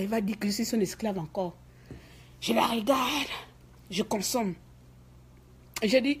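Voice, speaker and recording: A woman's voice: mid-range voice, darkish tone, slightly rough. A woman from Gabon, telling a story in an emphatic, indignant rant to her viewers, peppered with "hein". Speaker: vlogger. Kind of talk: ranting monologue to camera.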